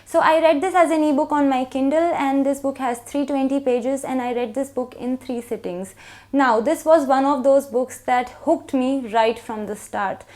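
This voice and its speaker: A young woman from India speaks with an Indian English accent in a noticeably high voice. She walks through a book review in an earnest, even, explaining way, starting many sentences with "so". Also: normal speed.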